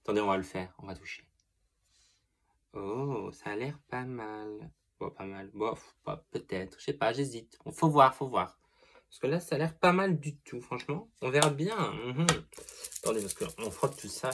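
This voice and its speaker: A young man talks through a makeup haul in a loose, gossipy vlog style. He is chatty and expressive, swears freely, and gushes over each product as he goes. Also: mid-range voice, normal speed, breathy edge. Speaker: beauty vlogger. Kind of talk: casual makeup product review.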